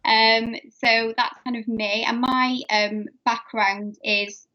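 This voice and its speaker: A woman's voice: a little high, level tone, takes it slowly, sharp tone. Welsh valleys woman, dull lo-fi audio. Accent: South Wales valleys. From South Wales. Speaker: podcast guest, dance teacher and coach. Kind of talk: casual interview chat.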